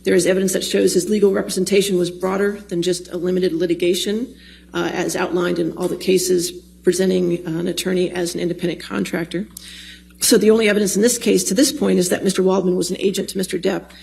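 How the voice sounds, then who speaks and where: A woman's voice: on the low side, flat delivery, quick pace, gravelly, darkish tone, poor audio. A woman speaking as a judge, delivering a formal ruling from the bench in a matter-of-fact, procedural way. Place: courtroom.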